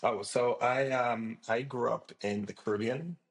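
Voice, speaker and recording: A middle-aged man from Jamaica, a company founder giving a podcast interview. He speaks in a measured, reflective way, with frequent fillers. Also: mid-range voice, fairly even intonation, poor audio.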